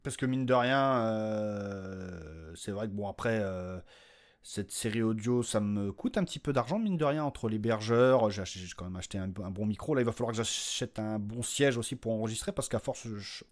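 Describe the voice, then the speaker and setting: Speaking at a normal pace in a lowish voice, this podcast creator and host delivers a casual, off-the-cuff announcement. He rambles, uses slang, and pokes fun at himself.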